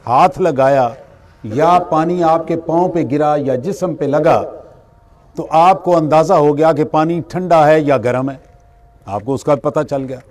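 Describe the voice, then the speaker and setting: A middle-aged man delivers a spiritual lecture in a high-pitched voice. He works through everyday examples and poses questions that he then answers himself. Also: a little mellow. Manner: explains with everyday examples, asks and answers his own questions. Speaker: religious speaker.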